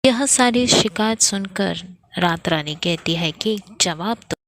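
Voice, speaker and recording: A woman teacher reads a textbook play aloud to young pupils at a very slow, careful pace. She pauses to explain difficult words and to announce page numbers. Her voice sits at an ordinary middle pitch. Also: animated, fairly bright tone, a little hiss or hum.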